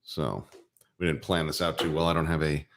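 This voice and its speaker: A man co-hosting a relaxed chat about drinks. He has a very low voice and wanders through his thoughts with easy restarts. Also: moderate pace, background noise. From Florida. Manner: easygoing, rambling, many restarts. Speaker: co-host. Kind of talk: casual chat.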